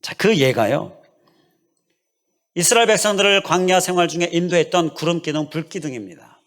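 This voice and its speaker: Lively, emphatic man preaching a sermon. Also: a little high, normal speed. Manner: emphatic preaching with repeated phrases and rhetorical questions. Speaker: pastor. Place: church sanctuary.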